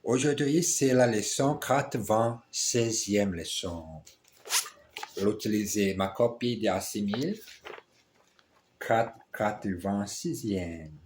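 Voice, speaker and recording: A man with a fairly low voice speaks French as a learner, with a foreign accent. His delivery is very slow and hesitant. He often repeats words and phrases as he practises out loud. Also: animated, a little hiss or hum. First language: not French. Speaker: language learner recording daily practice. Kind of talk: self-recorded language practice talk, halting French.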